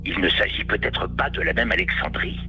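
An actor playing an imperious, condescending villain in an audio drama, pompous and commanding. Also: male voice, deep voice, brisk, bright, forceful tone, lo-fi sound, faint music behind, exaggerated voice. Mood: smug, explaining. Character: imperious, condescending rich male villain, greedy treasure hunter. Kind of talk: scripted audio drama acting.

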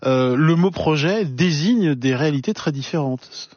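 A man hosting a studio discussion, asking questions in a measured way and murmuring agreement while guests speak. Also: a little high, lively intonation, darkish tone, dry recording. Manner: measured, frequent murmured backchannels. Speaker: radio host. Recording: slightly dull, muffled sound.

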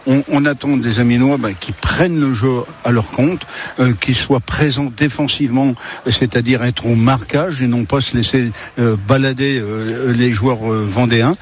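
A man giving radio football analysis in a halting way, full of fillers and repeated words. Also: medium pitch, steady tone. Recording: lo-fi radio broadcast with faint noise.

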